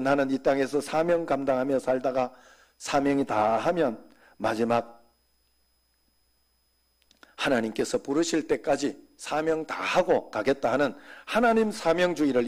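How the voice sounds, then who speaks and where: A man preaching a sermon as senior pastor, talking conversationally and dropping suddenly to soft, quiet asides. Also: mid-range voice, lively intonation, moderate pace.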